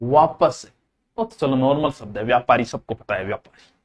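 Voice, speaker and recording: A man teaching a Hindi grammar class, drilling words by repeating them many times in a folksy, animated way with sudden loud stresses. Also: mid-range voice, fast.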